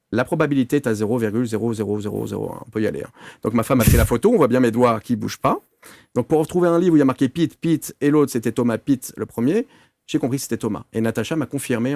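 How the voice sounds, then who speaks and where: A man, a medium, telling lively anecdotes in a casual interview, full of fillers and restarts. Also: mid-range voice, no echo.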